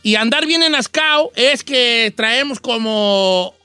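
High-voiced playful Mexican man. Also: slow pace, smooth, no echo, soft background music. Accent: western Mexican. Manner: playful, animated, explaining regional slang. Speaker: radio show host. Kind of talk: casual chat.

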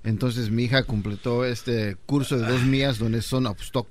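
A man with a medium-pitched voice talks casually as a radio sidekick. He is hesitant, repeating words and trailing off as he shares personal stories. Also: fairly even intonation, moderate pace, slight background noise.

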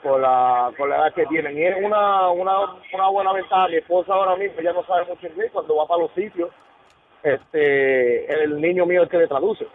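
A man's voice: high-pitched, a little fast. A man who drives trucks calling in to a radio show, talking in an easygoing, rambling way. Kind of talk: casual call-in chat. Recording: distant tinny phone line.

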